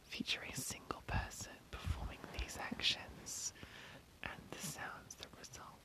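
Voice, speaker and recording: Hushed whispering ASMR host, breathy and unvoiced. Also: unhurried, poor audio. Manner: informal, rambling, self-commenting. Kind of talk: whispered ASMR, reading an article aloud with casual asides.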